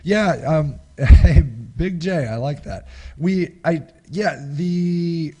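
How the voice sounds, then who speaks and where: A middle-aged man, raspy and husky as he recovers from a cold, hosts a live webinar from his small home office, speaking into a close studio mic. His slightly high, mellow voice moves extremely slowly through rambling chat full of restarts and chuckles, and he gestures with his hands.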